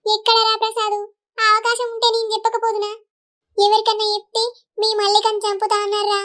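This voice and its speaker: A fussing cartoon mother-in-law from a Telangana village, voiced by a woman. She speaks very high and rapidly on a narrow, flat line of pitch. She worries aloud in a Telangana Telugu accent. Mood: worried. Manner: fretful, fussing. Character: anxious middle-aged village mother-in-law.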